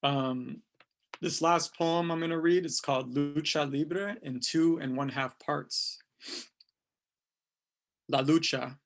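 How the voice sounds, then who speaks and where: Poet, male, 30s, from California, slightly high voice, unhurried verse reading. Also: fairly even intonation, gravelly. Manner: slow, deliberate reading of verse. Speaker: poet, featured writer. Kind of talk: casual talk and poetry reading.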